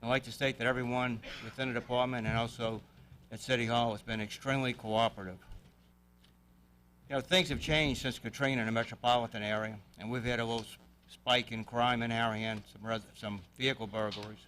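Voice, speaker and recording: A man, a police chief giving an earnest, deliberate public address in a city council chamber. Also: medium pitch, fairly even intonation, fairly bright tone, a little hiss or hum. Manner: earnest, deliberate, plain-spoken.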